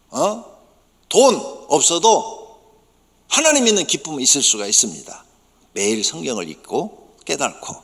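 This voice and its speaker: Male pastor, sermon delivery, emphatic with soft asides and loud bursts, very expressive pitch, long church reverb. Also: breathy edge. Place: church sanctuary.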